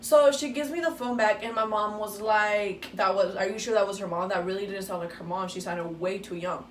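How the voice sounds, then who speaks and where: Speaking a little fast in a mid-range voice, a teenage vlogger casually recounts a story, cursing freely and performing the quoted dialogue. Soft music plays in the background, and the room echoes, with a distant mic picking up faint noise.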